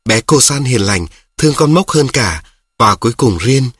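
A man narrating a children's story in a steady reading voice, speaking directly to his listeners. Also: medium pitch, normal speed, breathy edge, no echo.

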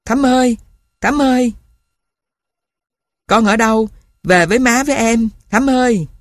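A woman's voice: a little high, a little slow, no echo, voice pushed up, close to an everyday voice. A narrator voicing a grieving mother who wails and calls for her lost daughter. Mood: anguished. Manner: wailing, crying out.

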